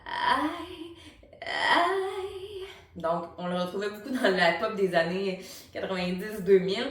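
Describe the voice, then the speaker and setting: A woman's voice: lowish voice, fairly even intonation, normal speed. A woman with a Quebec French accent giving an informal, encouraging tutorial as a vocal coach, speaking directly to the viewer. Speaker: singing teacher and vocal coach. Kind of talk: tutorial explanation to camera. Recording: roomy echo, distant microphone.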